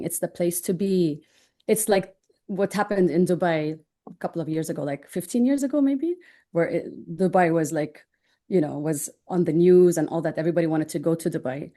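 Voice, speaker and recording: A Jordanian woman in her thirties who owns an online business answers interview questions in a chatty, upbeat, informal manner. Her voice sits on the low side with a dark tone.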